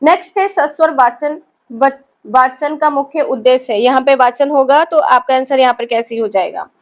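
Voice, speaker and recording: High-voiced woman teaching exam answers. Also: normal speed. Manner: explains each option, asks questions then answers them. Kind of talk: exam question walkthrough.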